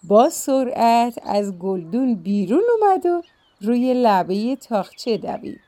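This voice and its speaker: A woman narrating a storybook for children, slow, gentle and expressive. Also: on the high side.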